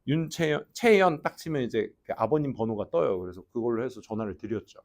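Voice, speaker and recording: A man teaching English at a cram school, casually telling his students a story and acting out the voices in it. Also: brisk. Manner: chatty, acts out quoted voices, trails into low mutters.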